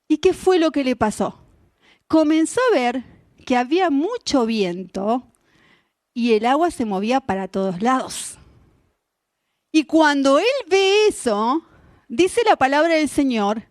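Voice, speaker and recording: A woman with an Argentine accent preaching a sermon in church, telling a Bible story in an animated way, acting out the characters and asking the listeners questions. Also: high voice, no echo, clean studio sound. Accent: Argentine Spanish. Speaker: missionary preacher.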